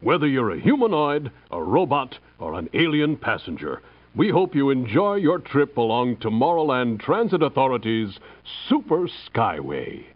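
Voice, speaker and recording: Male announcer, very lively pitch, muffled outdoor loudspeaker. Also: moderate pace. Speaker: transit announcer. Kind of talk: scripted welcome announcement.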